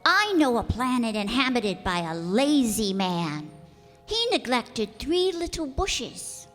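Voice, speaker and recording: Woman playing the Little Prince, high-voiced earnest boy. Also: very animated, slow pace, a bit bright, exaggerated voice. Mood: grave, earnest. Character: little prince, small earnest insistent boy from another planet. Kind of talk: radio drama acting. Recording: long hall reverb, music behind.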